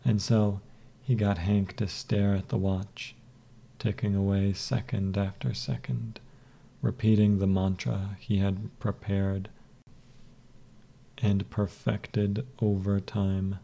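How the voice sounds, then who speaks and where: Slow, dark-voiced male storyteller. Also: on the low side, fairly even intonation, gravelly. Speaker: narrator. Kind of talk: scripted story narration.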